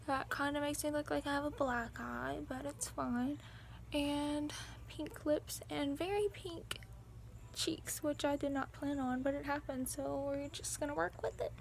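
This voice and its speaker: A young adult vlogger speaks a little slowly in a high, creaky voice with fairly even intonation, and there's a touch of hiss or hum. In her small bedroom she chats to a phone camera at arm's length and on a dresser, rambling with plenty of "like".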